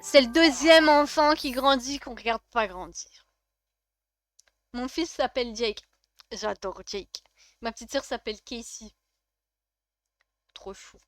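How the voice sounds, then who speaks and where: A woman's voice: fairly high pitch, slow, long pauses, fairly bright tone. A young woman with a French accent streaming a life-sim game, chatting casually and gushing as she reacts to her chat. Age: young adult.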